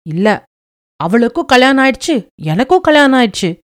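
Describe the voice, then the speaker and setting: A woman voicing an educated young married woman who answers back quickly and defensively. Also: high-pitched, expressive, a little mellow, pitched above the performer's own voice.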